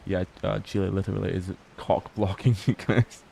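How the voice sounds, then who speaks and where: A man's voice: low voice, moderate pace, gravelly, a little hiss or hum. Tired man chatting on a stream. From Scotland. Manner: relaxed, swears often, reads chat aloud. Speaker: livestream host. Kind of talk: casual late-night stream chat.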